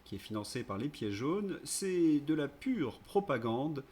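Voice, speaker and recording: A man's voice: a little high, big pitch swings, a little slow, darkish tone, slightly rough. A man hosting his own political commentary channel, delivering an indignant, sarcastic monologue.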